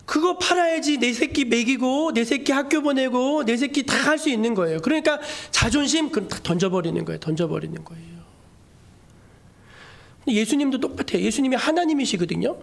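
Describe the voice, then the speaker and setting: A male pastor preaching a sermon, telling stories with lively acted-out quotes. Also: very high-pitched, a little fast, vocal fry. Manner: animated storytelling, acting out quoted voices.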